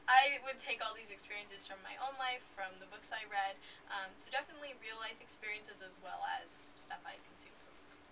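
A woman's voice: mid-range voice, fairly quick. A fourteen-year-old girl answering interview questions in a chatty way, laughing often, with lots of fillers. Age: teens. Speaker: interviewee, young author and speaker. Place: indoor room with curtains, seated in armchair. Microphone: camera at a distance. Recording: distant mic, faint noise.

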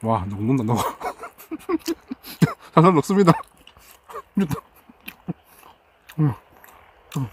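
A man's voice: on the high side, wildly swooping pitch, slow pace, long pauses, a little hiss or hum. A man eating outdoors for his cooking vlog, muttering and exclaiming between bites while chewing. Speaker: cooking vlogger. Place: outdoors, camping.

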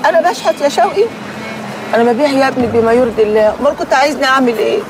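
A woman's voice: high-pitched, very fast, low-quality recording. An actress with an Egyptian accent playing a weary, complaining middle-aged mother left by her husband. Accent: Egyptian Arabic. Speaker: mother selling goods near a mosque. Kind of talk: Egyptian TV drama acting. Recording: loud music under the scene.

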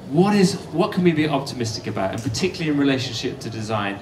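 A man moderates a stage panel and speaks into a handheld mic. His voice is mid-pitched and echoes around a large hall. He poses brisk questions and often restarts them. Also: big pitch swings, background noise. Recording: roomy hall, mic at a distance.

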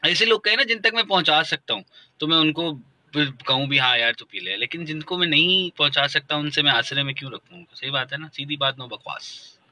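Male radio host from Pakistan, fairly high, very bright voice, chatty teasing banter on a live call-in show. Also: fairly quick.

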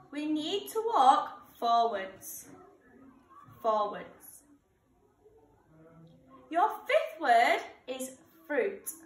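High-pitched young woman giving slow school dictation. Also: fairly bright tone. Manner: slow, deliberate enunciation, spelling out letter by letter. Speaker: primary school teacher. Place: indoor classroom in front of a whiteboard. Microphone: camera or phone a few metres away. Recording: roomy, distant mic, background noise.

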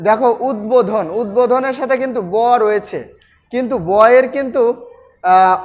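A man's voice: very high-pitched, darkish tone. A man teaching pronunciation, repeating each word several times and speaking directly to his students. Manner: addresses students directly with instructions. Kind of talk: pronunciation lesson. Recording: dull lo-fi recording.

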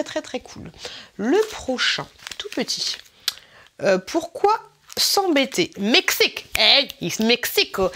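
Woman vlogger, high and animated, chatty and giggly; light background noise. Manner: chatty and giggly, exclaims often. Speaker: YouTuber opening a swap package. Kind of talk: casual unboxing chat.

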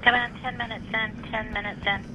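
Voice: mid-range voice, little pitch movement, brisk, highs cut off, background noise. A fire dispatcher making formal, clipped, procedural announcements over a two-way radio.

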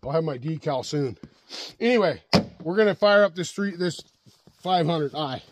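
This middle-aged man's voice sits on the high side, with lively intonation and normal speed, and background noise comes through. Filming with a helmet-mounted action camera in a snowy forest, he does a casual show-and-tell about his chainsaw, folksy and repetitive, often asking the viewer "right?".

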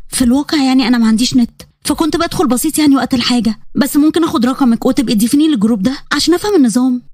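A woman's voice: sits high, rapid-fire, darkish tone, dry recording, studio quality. A woman voicing a modest, shy young female student with an Egyptian accent, polite and earnest. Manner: polite, earnest, a bit flustered.

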